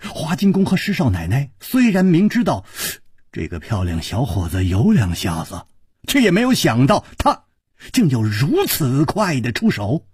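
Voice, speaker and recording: A male storyteller narrating a martial-arts tale in a measured, dramatic, drawn-out style, close to the mic. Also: medium pitch, huge pitch swings, darkish tone, breathy edge, no room sound.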